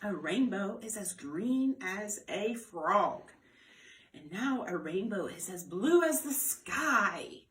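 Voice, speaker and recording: A woman leads a children's storytime lesson at a library, sing-song and speaking straight to young viewers while prompting them. She uses repetition and demonstration. Her mid-range voice swings widely in pitch, moves slowly, and sounds a bit bright.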